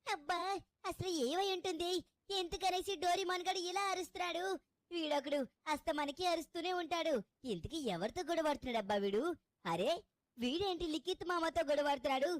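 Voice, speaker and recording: A woman playing a cartoon little girl with a high voice who scolds with dramatic indignation. The recording is dry and close to the mic. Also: fairly quick, no room sound. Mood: worried.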